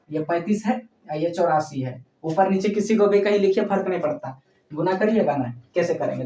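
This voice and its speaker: Math teacher explaining slowly, keeps asking ok?, echoey room, a bit far from the mic. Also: medium pitch, mellow. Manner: explains slowly, often checks in with "okay?"; addresses students fondly as "child". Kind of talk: step-by-step classroom lesson.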